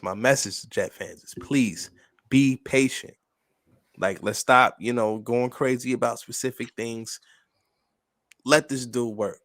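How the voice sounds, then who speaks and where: His medium-pitched voice has a fairly bright tone, captured in a dry, studio-quality recording. A New Yorker co-hosting a laid-back sports podcast, he talks with emphasis and slang, leaning on fillers like "you know what I'm saying."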